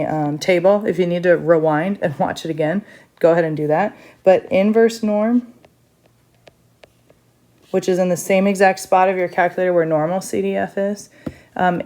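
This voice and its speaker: A woman's voice: fairly low pitch, a little mellow. A woman teacher recording a step-by-step math lesson for her students, chatty, with frequent fillers.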